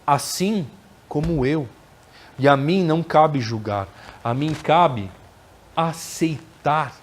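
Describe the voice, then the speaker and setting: A man's voice: mid-range voice, a little hiss or hum. A man giving a conversational spiritual lecture at a spiritist center, often ending phrases with tag questions. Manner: conversational, frequent tag questions, acts out quoted dialogue.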